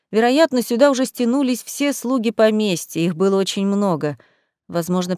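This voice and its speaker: A woman reading a first-person fantasy novel aloud with an expressive, emotional delivery. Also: mid-range voice, smooth, dry recording, clean studio sound. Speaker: audiobook narrator. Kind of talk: first-person audiobook narration.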